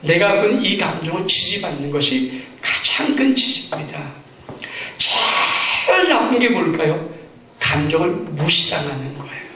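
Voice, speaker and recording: A pastor preaches in a high, lively voice that swings up and down. He acts out the scenes he describes. The sound is heavily echoey and comes from a mic some way off in a church hall. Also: a little slow, recorded from a distance, slight background noise. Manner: animated preaching, acts out parents and children. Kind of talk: sermon. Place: church sanctuary.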